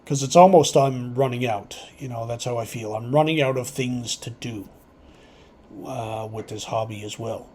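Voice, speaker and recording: A man who runs an amateur radio channel talks to his subscribers in a mid-range voice. His delivery is casual and unscripted, halting, reflective and rambling. The recording is clear, with a steady background noise.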